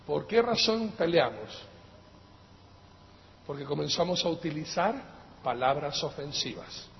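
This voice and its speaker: Male pastor, Latin American Spanish accent, high voice, emphatic sermon, dull lo-fi echoey recording. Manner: emphatic preaching that swings between loud outbursts and quiet asides; addresses listeners as brothers. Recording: echoey hall, dull lo-fi sound, faint noise.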